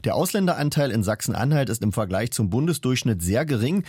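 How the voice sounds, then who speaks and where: A man reporting for radio news in a steady, factual scripted delivery. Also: medium pitch, a little fast, a little hiss or hum.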